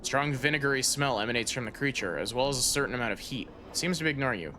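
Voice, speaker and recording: A man's voice: medium pitch, lively intonation, rapid-fire, noisy background. A man streaming a fantasy game, casually reading the on-screen text aloud with hesitant fillers. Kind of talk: let's play commentary, reading game text. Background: game music.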